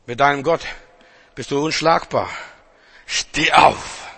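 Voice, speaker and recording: Middle-aged preacher guy, kinda high bright voice, repeats stuff, goes loud then real quiet. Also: slow, gravelly. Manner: emphatic, repetitive, swings between loud proclamation and quiet intensity. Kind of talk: sermon.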